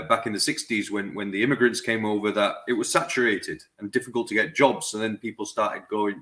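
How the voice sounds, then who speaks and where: Man, forties, low voice, podcast guest, reflective, trailing restarts. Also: pushed and bright. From West Yorkshire, England. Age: 40s. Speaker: dentist guest. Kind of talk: reflective conversational interview.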